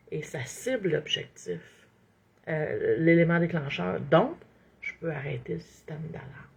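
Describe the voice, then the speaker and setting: Husky Québécois woman giving life advice. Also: on the low side. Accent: Québécois French. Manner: expressive, acts out inner thoughts, frequent "hein". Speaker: inspirational speaker. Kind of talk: casual motivational monologue.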